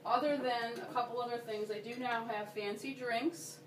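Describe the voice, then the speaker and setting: A woman's voice: on the high side, fairly even intonation, normal speed. A woman giving a casual, enthusiastic workshop demonstration, chatty and checking in with her listeners. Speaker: workshop presenter. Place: workshop room. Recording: roomy, distant, noisy room recording.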